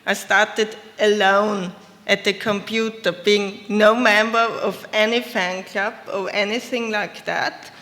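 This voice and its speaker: Slow-talking woman in a hall. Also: medium pitch, fairly even intonation, a bit bright. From Austria. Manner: hesitant, self-correcting storytelling. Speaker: panelist. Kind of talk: convention panel talk. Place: convention panel room. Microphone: shared handheld mic. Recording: reverberant hall.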